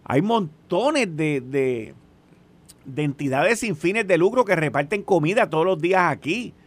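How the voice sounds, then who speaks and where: A man in his sixties with a Puerto Rican accent, chatting casually and telling stories in an animated way, often putting questions to the listener. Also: on the high side, a little slow. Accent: Puerto Rican Spanish. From Puerto Rico. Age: 60s. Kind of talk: casual storytelling chat.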